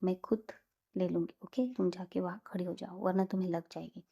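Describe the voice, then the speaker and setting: A playful young woman in love who teases and puts on a brave front, as a woman storyteller voices her. The voice is mellow and dark with a husky, breathy grain. A touch of vocal fry sits underneath. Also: on the low side, flat delivery, a little fast, highs cut off. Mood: teasing. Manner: teasing, mock-brave.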